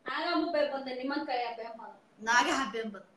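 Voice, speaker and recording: High-voiced Somali woman, distant and noisy. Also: rapid-fire. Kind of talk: casual chat.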